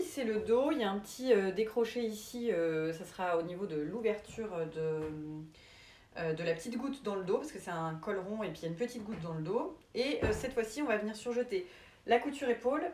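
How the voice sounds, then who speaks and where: Woman sewing instructor, English accent, casual filler-heavy delivery, echoey room. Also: medium pitch. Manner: relaxed and chatty, many fillers. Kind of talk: live sewing tutorial.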